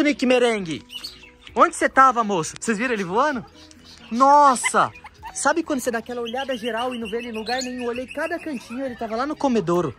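A man's voice: sits high, a bit bright. A man hosting a casual vlog as he tours his bird enclosures outdoors, chatting to viewers and cooing at the birds in baby talk. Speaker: bird keeper and vlog host.

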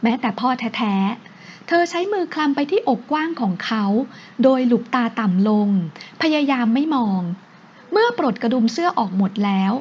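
A woman narrating a romance audiobook in a calm, even storytelling manner, her voice husky. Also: on the high side, normal speed, slight background noise. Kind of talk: scripted narration. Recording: dull lo-fi recording.

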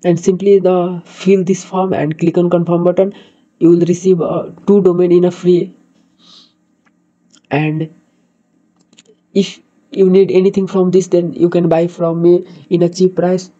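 A male tutorial host with a Nepali accent narrates a screen-recorded tutorial, his tone very dark and soft-edged though his voice sits high. He speaks haltingly in an even, flat melody, repeating words, through a dull, lo-fi microphone.

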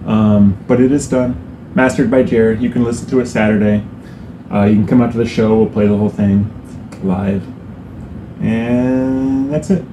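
A man's voice: fairly low pitch, fairly even intonation, moderate pace, background noise. Sarcastic man rambling in an echoey room. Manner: dry, self-mocking sarcastic humor; loose and rambling, many fillers. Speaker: musician giving a band update. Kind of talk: casual vlog update. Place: indoors on a hot day. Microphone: no lapel mic, camera mic.

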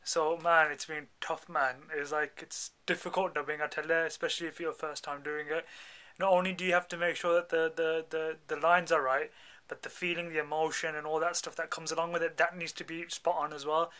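A man's voice: fairly high pitch, flat delivery, brisk, sharp tone. A young man with a British accent keeping a casual video diary in an informal, matey, slangy way. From England. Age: young adult. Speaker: film actor, vlogger. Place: dubbing studio rooms and inside a parked car. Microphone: handheld camera at arm's length.

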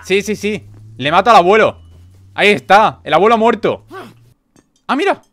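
A young man with a Spain Spanish accent doing joking gameplay commentary, animated, with sudden loud outbursts. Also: high-pitched, moderate pace, no room sound. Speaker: gaming video creator.

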